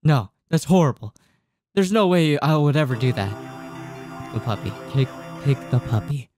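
A slightly high, somewhat dark voice with lively intonation belongs to a twentysomething gaming YouTuber who reads a game's text a little slowly. He reacts casually while speaking into a nearby desk mic in a small home room, game music playing.

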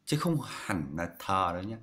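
A man's voice: sits low, very animated, normal speed, bright, forceful tone. A man teaching a casual language lesson, repeating each syllable after a recording and then explaining it plainly. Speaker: Chinese teacher.

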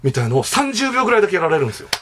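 A male guest comedian on a talk show telling an animated story, acting out the people in it with sudden jumps in pitch. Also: very fast, noisy background.

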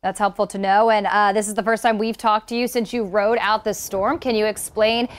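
A woman co-anchors a weather newscast. She puts questions to a guest live, in a voice of average pitch. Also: flat delivery, a little fast, smooth.

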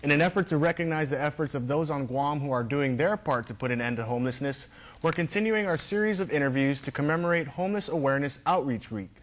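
A man's voice: on the high side, fast talker. A man hosting a TV news interview, reading formal introductions. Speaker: TV news host. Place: TV studio.

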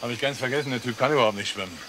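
An actor dubbing a stubborn, big-hearted middle-aged trucker in a TV series, talking in a gruff, dry, matter-of-fact way. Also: male voice, mid-range voice, extremely slow, background noise. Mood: gruff, impatient. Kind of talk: 1980s German TV series dub. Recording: TV soundtrack with music underneath.

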